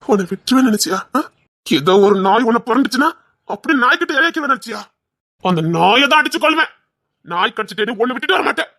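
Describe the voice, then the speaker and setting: An actor playing a loyal husband who grieves and rages. He speaks forcefully, choked up, and pleads. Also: very high-pitched, animated, quick pace, gravelly, dry recording, clean studio sound, exaggerated voice. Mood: pleading.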